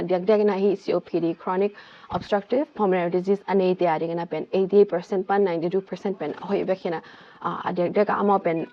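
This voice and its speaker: A woman with a somewhat low voice walks through a health topic at a slow, deliberate pace. She explains patiently and lingers on each medical term. The recording sounds dull and lo-fi. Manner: explanatory, steps through medical terms one by one.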